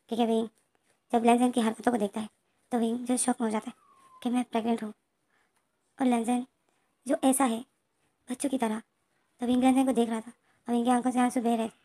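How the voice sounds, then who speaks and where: A woman's voice: a little high, flat delivery, quick pace, pauses often, warm tone. A woman casually retelling a fan story, rambling with restarts and reading out characters' lines.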